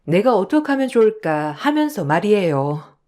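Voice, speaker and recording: A woman tells a first-person story as a radio-style narration, speaking reflectively and from the heart. Her pitch moves widely and expressively as she reads. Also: very animated, moderate pace, dark tone.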